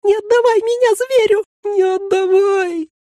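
A man voicing a tiny, childlike creature hiding in a mannequin, wailing and pleading in terror with a shrill, high squeal. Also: steady tone, a little slow, warm tone, no echo, studio quality. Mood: terrified pleading.

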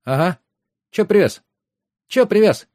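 A man voicing a hyper barefoot street boy of about seven who shouts out sales patter in a loud, shrill voice. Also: expressive, unhurried, no echo, clean studio sound. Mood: eager.

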